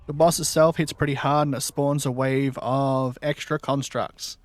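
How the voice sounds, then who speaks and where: A man's voice: medium pitch, steady tone, normal speed, dry recording. A male game streamer talks through his play in an informal, easygoing way. His voice is close and dry, with no room sound. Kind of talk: casual gameplay commentary.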